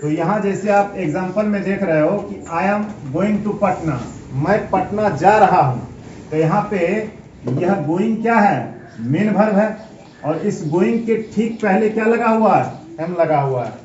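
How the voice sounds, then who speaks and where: A man's voice: high voice, animated, measured pace, darkish tone, a little hiss or hum. A male teacher giving a grammar lesson, asking his class questions, answering them himself, and spelling out words letter by letter. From India. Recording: echoey room, picked up from a distance, slightly dull.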